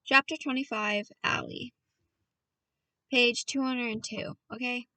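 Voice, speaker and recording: A woman with a slightly high, fairly even voice reads a novel aloud as a casual audiobook, unhurried, bright and forceful. She's chatty and playful, interrupting herself to talk to listeners and doing voices. The recording is dry, and she sits far from the mic.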